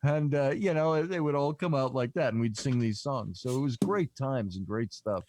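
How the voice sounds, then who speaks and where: A male podcast host spins long, meandering stories in a casual chat, leaning heavily on fillers. His voice is mid-range and his pace is normal, with some background noise in the recording.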